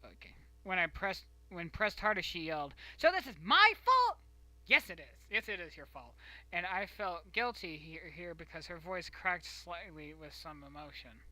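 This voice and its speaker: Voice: mid-range voice, normal speed, bright, forceful tone, no echo, poor audio. A streamer casually reading a post aloud and commenting, rambling with muttered, whispered asides.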